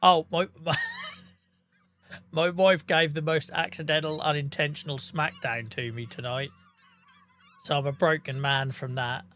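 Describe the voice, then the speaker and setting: A man in his thirties talks into his desk mic during a live game stream. His voice sits a touch higher than most men's. He is chatty and jokey, with casual swearing and frequent laughs. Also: steady tone, a little slow, pauses often, fairly bright tone. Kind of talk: casual live-stream chat while gaming.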